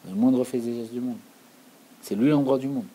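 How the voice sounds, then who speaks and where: Male Torah teacher, earnest and explanatory, warm dark tone, faint hiss behind. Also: medium pitch, fairly even intonation, normal speed, rough recording. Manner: earnest, repeats key phrases for emphasis.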